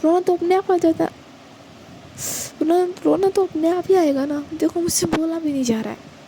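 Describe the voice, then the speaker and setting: A woman's voice: very high voice, normal speed, noisy background, pitched above the performer's own voice. A woman voicing Meera, an emotional older sister who anxiously fusses over and scolds her younger sister, in a storybook reading.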